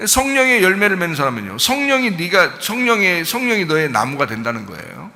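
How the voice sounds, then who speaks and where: A high, very bright male voice that swings widely in pitch as he preaches. The pastor moves from quiet, low teaching into loud, shouted exhortation. His words ring with the long reverb of a church hall. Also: sing-song, brisk, gravelly. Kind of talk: sermon.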